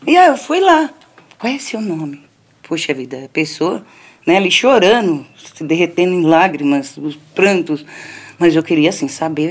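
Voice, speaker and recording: An older woman telling a personal story in a conversational way, often adding little tag questions and speaking straight to her listeners. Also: low-pitched. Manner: conversational, lots of "né" tags, addresses listeners. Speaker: storyteller recounting a childhood memory. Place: community center.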